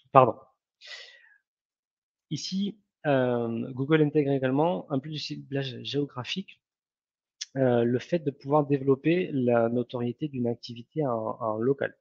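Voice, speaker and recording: Gravelly man teaching with many fillers. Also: medium pitch, unhurried, pauses often, sharp tone, dry recording, dull audio. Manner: many fillers and self-corrections. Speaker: online ads trainer. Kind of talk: hesitant spoken lesson.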